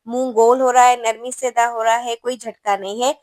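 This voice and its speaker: A woman teaches tajweed in a patient, explaining voice, stretching each sound out slowly for her students. Her voice sits somewhat high. The recording is close and dry, with no room echo. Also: flat delivery, a little mellow. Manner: patient, explanatory, slow drawn-out sound demos. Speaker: Quran recitation teacher. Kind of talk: tajweed lesson.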